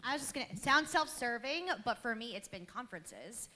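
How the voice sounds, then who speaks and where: A woman, speaking on a panel with lively storytelling and laughter. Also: on the high side, fairly quick, slight background noise. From Queens, New York. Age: 30s. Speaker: panelist, business owner. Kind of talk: panel talk to a live audience.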